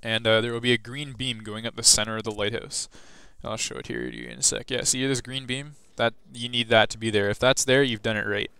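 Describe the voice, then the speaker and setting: A man's voice: medium pitch, fairly even intonation, brisk, vocal fry, few pauses, sharp tone, clear, resonant tone, no room sound. A teenage guy casually narrating a gameplay walkthrough, rambling loosely with lots of fillers and restarts. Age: teens. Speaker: gaming video host.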